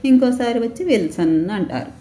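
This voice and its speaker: A woman's voice: a little high, animated, normal speed, mellow, roomy sound, a little hiss or hum, pitched above the performer's own voice, close to an everyday voice. Woman doing a taunting, scornful villainess. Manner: taunting, mocking. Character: cunning scornful woman villain, chewing paan.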